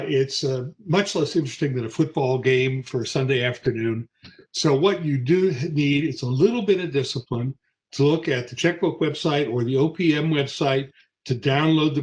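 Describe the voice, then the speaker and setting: A man with a fairly high voice talks as a guest expert on a panel. He explains in a loose, rambling way, stopping for ums and uhs and restarting his sentences.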